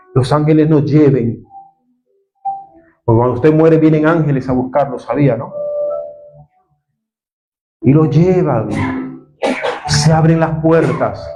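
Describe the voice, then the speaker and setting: Un hombre predicando un sermón con acento venezolano, apasionado, que pasa de hablar bajo a alzar la voz. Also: male voice, a little high, lo-fi sound. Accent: Venezuelan Spanish. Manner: impassioned, swings from soft to loud. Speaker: preacher. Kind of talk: sermon.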